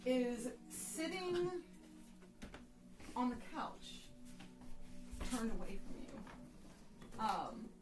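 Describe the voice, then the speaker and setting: A woman's voice: on the high side, very animated, very slow, pauses often. A woman working as game master, narrating a scene for players in a live tabletop game. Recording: echoey room, distant mic, music behind.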